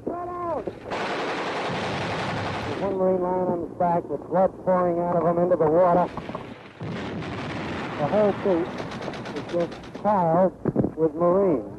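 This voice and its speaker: Male combat reporter, high voice, urgent on-the-spot commentary, old muffled wartime field recording. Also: big pitch swings, measured pace, vocal fry, pauses often, noisy background. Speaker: combat correspondent. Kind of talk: live battlefield commentary. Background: gunfire and artillery.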